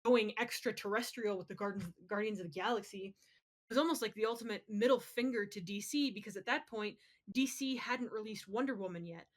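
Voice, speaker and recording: This woman co-hosts a podcast, talking fairly quickly in a medium pitch. Her casual pop culture commentary is strongly opinionated, delivered with emphasis and plenty of swearing.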